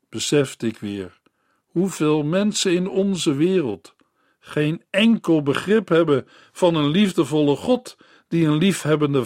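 A man narrating a story in a radio Bible broadcast, reading in a measured, earnest way and turning to the listener. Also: a little high, dry recording, studio quality.

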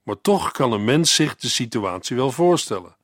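A man's voice: mid-range voice, big pitch swings, no room sound, clean studio sound. Earnest male radio Bible teacher. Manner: measured, earnest, addresses the listener. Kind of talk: Bible reading and devotional commentary.

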